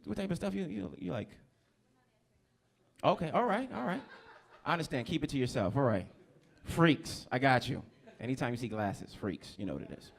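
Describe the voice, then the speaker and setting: A man's voice: medium pitch, vocal fry. A young adult man from New Jersey doing a stand-up comedy set, loose and crude, teasing the crowd on a handheld mic. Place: comedy club stage.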